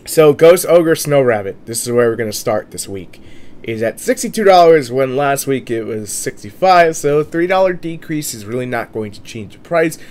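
A man with a mid-range, darkish voice hosts a price guide video, speaking at a normal pace with lively intonation. He's under the weather, with a sore, swollen throat, and his commentary is casual and informal with some mild swearing.

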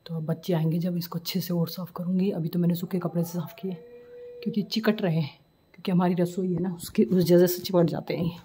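A woman's voice: on the low side, fairly even intonation, fast talker, dark tone, slight background noise. A woman in her forties chatting casually in a home vlog, breathless from cleaning and complaining with a self-deprecating tone. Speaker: vlogger, mother. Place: home, indoors.

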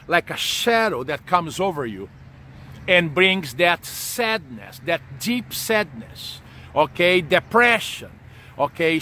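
A man's voice: sits high, sharp tone, slight background noise. A man in his forties preaching informally and earnestly to camera, repeating himself and punctuating his points with short check-ins. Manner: earnest, repetitive, punctuated with "okay" and "amen". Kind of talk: informal sermon of encouragement spoken to camera. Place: outdoors under a leafy tree.

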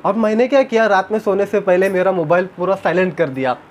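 A young man vlogs at home, chatting casually and retelling a story with animation, filmed by a camera on a tripod. His voice sits high and he talks fast, with slight background noise.

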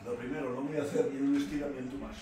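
A man's voice: mid-range voice, steady tone, fast. A middle-aged man, the streamer's father, chatting casually with dry, offhand remarks. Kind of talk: casual chat. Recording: distant, echoey room with match crowd noise.

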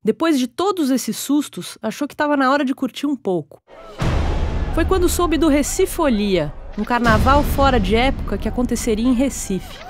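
A woman reads documentary narration in a measured, scripted way. Her voice sits slightly high, with faint music underneath. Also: expressive.

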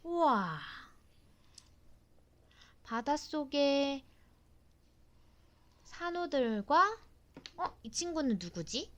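Mother reading to a toddler: high, very lively female voice, sing-song, playful questions. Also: drawn-out words, pauses often. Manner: exclaiming and sing-song, child-directed, polite simple sentences. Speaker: mother reading a picture book to her young child.

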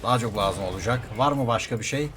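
A young man streaming a game, reacting live in quick excitable outbursts and often repeating words. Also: mid-range voice. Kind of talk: live gameplay commentary.

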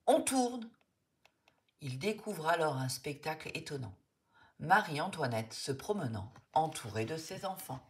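A woman narrating a children's storybook in an expressive, lively way. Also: sits low, normal speed.

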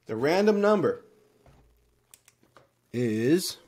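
A man hosting a live stream, upbeat and hyped, rattling off viewers' numbers and quickly calling each one out. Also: fairly high pitch, very animated, darkish tone. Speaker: host of a live-streamed Q&A show. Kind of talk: live-stream giveaway, reading viewer guesses aloud.

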